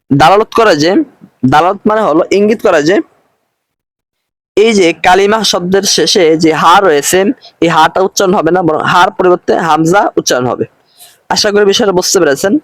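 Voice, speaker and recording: High-voiced man teaching a patient lesson. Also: dry recording. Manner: slow, patient explanation, repeating each phrase with its translation. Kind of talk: recorded lesson.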